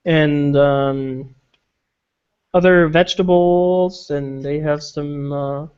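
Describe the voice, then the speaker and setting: High-voiced man, joking casually. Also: steady tone, slow, a little mellow, smooth. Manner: crude, teasing, searching for words. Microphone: online group call microphone. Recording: dull, lo-fi call audio.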